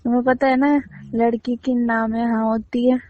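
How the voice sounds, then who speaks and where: On a dull, lo-fi phone call, a woman with a slightly high voice chats with her romantic partner at a moderate pace. Her delivery is flat, yet the talk is casual and intimate, with teasing and a bit of mild complaining.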